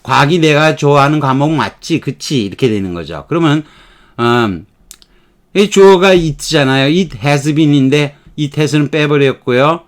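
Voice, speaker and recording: A man's voice: on the high side, expressive. Methodical male grammar teacher. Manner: slow and methodical, reading example sentences aloud. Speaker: English teacher. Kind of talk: explaining English grammar in Korean.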